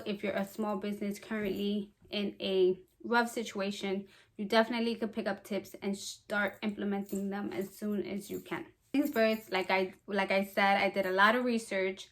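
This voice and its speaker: A young woman who runs a small business, talking casually to camera in an upbeat, fast, slightly breathless way. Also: medium pitch, bright, forceful tone. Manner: chatty and upbeat, talks fast. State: a bit out of breath. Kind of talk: casual vlog talk to camera.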